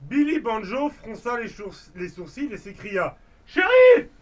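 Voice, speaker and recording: Father reading a storybook to his kid at home; high voice, playful, heard from a distance. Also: animated, a little slow, highs cut off. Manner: playful, adds sound effects and asides.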